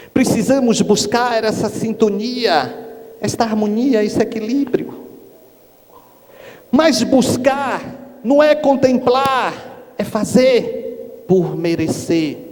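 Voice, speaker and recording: A man giving a spiritist lecture. He tells stories in an animated way and acts out the dialogue, recorded in a reverberant hall. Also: high-pitched. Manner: animated storytelling, acting out dialogue. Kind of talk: sermon-like lecture with storytelling. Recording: reverberant hall with faint noise.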